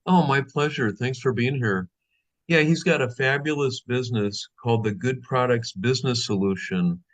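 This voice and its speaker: A man hosts a casual interview show with an upbeat, effusive manner. He praises his guest freely and speaks at an ordinary middle pitch. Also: moderate pace, a bit bright. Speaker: show host.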